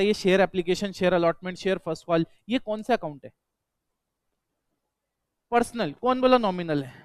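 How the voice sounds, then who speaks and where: A man's voice: high-pitched, a bit bright, clear, resonant tone, dry recording, clean studio sound. A man teaching an accountancy class to students in a classroom. He keeps asking the students questions, repeats them, and drills the answers back, mixing English accounting terms into his speech. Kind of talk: classroom lecture.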